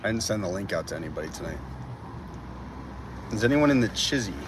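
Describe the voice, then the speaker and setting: Rambling twenty-something man, low voice. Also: brisk, background noise. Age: 20s. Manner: rambling, animated, says bro a lot. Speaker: livestreamer. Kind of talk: casual livestream chat. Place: driving through a city at night.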